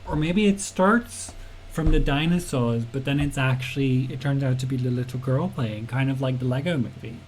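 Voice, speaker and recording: A man hosts a casual game jam livestream, answering questions from chat in a friendly manner with plenty of ums and uhs. His mid-range voice moves at normal speed, but the audio is poor with slight background noise.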